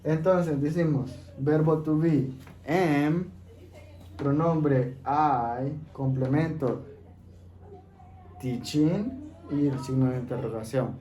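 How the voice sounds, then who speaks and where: A man teaching an English class, explaining each step slowly and patiently and checking in with his students. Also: a little high, dark tone. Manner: patient, repeats steps, checks in with "¿ok?". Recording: echoey room, faint background noise.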